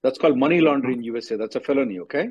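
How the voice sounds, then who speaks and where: An attorney hosts a Q&A conference call, giving blunt, directive advice and often repeating himself. His mid-range voice is husky and darkish, and he talks very fast. The call audio is dull and lo-fi.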